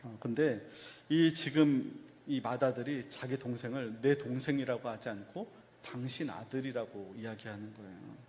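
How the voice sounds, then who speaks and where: A man's voice: medium pitch, moderate pace, hardly any pauses, a little hiss or hum. Male pastor preaching in a reverberant church. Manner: asks the congregation questions and answers them; acts out a father's gentle words to his son. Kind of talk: sermon. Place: church sanctuary.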